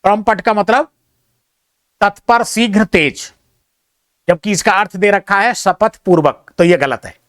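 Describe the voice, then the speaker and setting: A man with a somewhat higher, fairly bright voice walks through an exam answer key as a teacher, reading each option aloud before giving his verdict. He is unhurried, with long pauses, and makes modest, chatty, self-deprecating remarks to his students between answers. The sound is dry and close, with no room sound.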